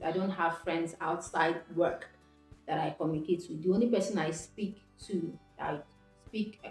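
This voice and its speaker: Her voice low and darkish, a young Nigerian vlogger whose first language is Igbo reflects aloud in casual talk to camera. Sentences often get restarted or self-corrected. The recording has echoey room sound with faint music behind her.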